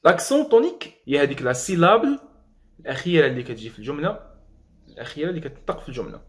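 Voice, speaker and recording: A young man with a Moroccan accent teaching a French lesson, spelling letters slowly and drilling words, with quick asides in Arabic. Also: fairly high pitch, big pitch swings.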